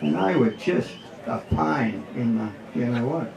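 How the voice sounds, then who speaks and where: An older man with an Australian accent and a gravelly voice, reminiscing casually in plain colloquial words. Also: medium pitch, animated, measured pace, a crowd in the background. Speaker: guest speaker, veteran surfboard maker. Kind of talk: casual reminiscing before an event crowd. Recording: roomy echo, far from the mic.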